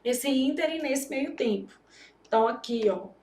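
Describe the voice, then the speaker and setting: Chatty high-voiced woman teaching grammar. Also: expressive, moderate pace, darkish tone, reverberant. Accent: Brazilian Portuguese. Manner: chatty, jokey, addresses students as "gente". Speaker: Portuguese teacher for exam prep. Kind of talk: lively classroom lesson.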